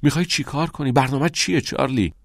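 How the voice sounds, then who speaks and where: A man voicing a worried, eager teenage schoolboy asking quick, anxious questions in an audiobook. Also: mid-range voice, vocal fry, dry recording, clean studio sound, voice pushed up. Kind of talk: audiobook character voice.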